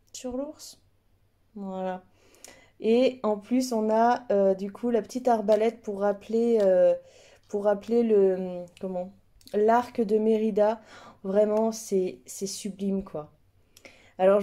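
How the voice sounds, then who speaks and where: A woman's voice: mid-range voice, warm tone. A woman in her thirties chatting casually through an unboxing video, full of enthusiasm and hesitant fillers. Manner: enthusiastic, many fillers and restarts. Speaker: vlogger.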